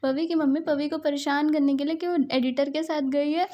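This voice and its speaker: A woman's voice: high-pitched, fairly even intonation, moderate pace, dark tone, highs cut off. A woman casually retelling the plot of a romance drama, slipping into the characters' quoted lines in a plain voice. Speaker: drama recap narrator. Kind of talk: casual story recap.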